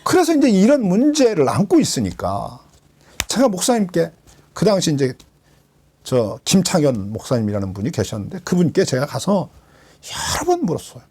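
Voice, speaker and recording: A woman's voice: sing-song, moderate pace, mellow, slight background noise. A woman pastor preaching a sermon in a church, telling a personal testimony with emotion and acting out the lines she quotes. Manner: emotional storytelling, swinging pitch, acting out quotes.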